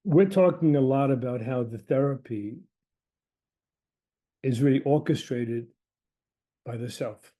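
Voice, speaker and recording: A middle-aged man teaching as an analyst, telling a patient's story with lively, animated delivery. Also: medium pitch, measured pace, long pauses. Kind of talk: lecture with acted case story.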